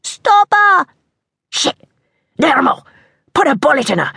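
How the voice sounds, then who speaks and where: A woman voicing an angry male gang leader who shouts orders at his men. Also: lowish voice, fairly even intonation, moderate pace, no room sound, studio quality, lightly acted. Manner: barked, shouted commands.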